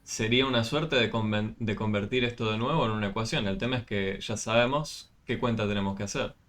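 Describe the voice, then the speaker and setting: Argentine man, low voice, patient online math tutor, hesitant fillers, computer mic. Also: a little fast, a bit bright. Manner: patient, explaining step by step with many fillers.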